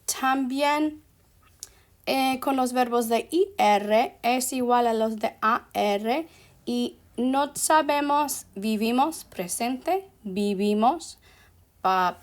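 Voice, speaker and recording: A woman teacher talks through verb endings at a very slow, careful pace. Her voice sits a little high for a woman. She slips English fillers like "so" and "ok" into her explanations. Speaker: Spanish teacher.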